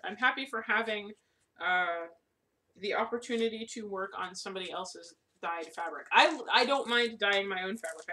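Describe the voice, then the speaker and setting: A cross-stitch vlogger rambles casually through a show-and-tell of her craft supplies, full of fillers and restarts and the occasional hiccup. Her fairly low voice is bright and forceful, recorded far from the mic with some hiss or hum.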